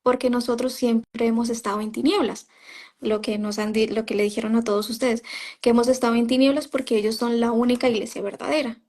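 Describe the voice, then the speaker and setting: Her voice is fairly high, steady and a little mellow, and she keeps a brisk pace. As an interview guest who once belonged to a religious group, she gives a personal testimony in storytelling fashion, quoting herself often and leaning on "¿sabes?" and "o sea".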